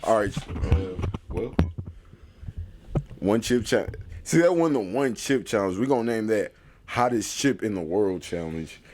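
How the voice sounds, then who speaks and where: A young man with a low voice hosts a casual challenge vlog. He swears and talks in slang while feeling the burn of spicy food. The recording is clearly noisy. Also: animated, unhurried, long pauses, a little mellow. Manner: slangy, profane. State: mouth and nose burning from spicy food. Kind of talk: casual chat with friends and viewers.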